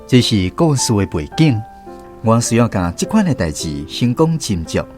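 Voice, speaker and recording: An actor with a fairly low, sing-song voice plays a reflective storyteller recalling his youth in scripted first-person radio drama narration. He speaks at a moderate pace with a Taiwanese accent, conversational and explanatory, a little mellow and reminiscing, with faint music behind.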